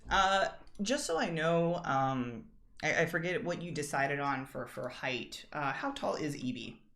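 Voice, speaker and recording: A woman's voice: sits low, animated, measured pace, a bit bright. A woman narrating as game master of a tabletop role-play in a casual, filler-heavy way.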